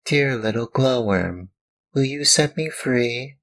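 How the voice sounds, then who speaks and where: A man voicing a scared, crying wooden puppet boy in a storybook reading, pleading in a high, sobbing voice. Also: lively intonation, takes it slowly, a bit bright. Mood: tearful pleading.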